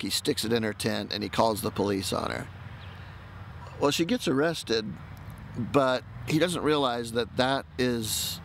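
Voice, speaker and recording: A man's voice: medium pitch, gravelly, fairly bright tone. A middle-aged American man talking casually and unscripted to camera, rambling and hesitant, often interrupting himself. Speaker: amateur writer pitching a movie idea. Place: outdoors in an open grassy park. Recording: outdoor ambient noise with distant traffic.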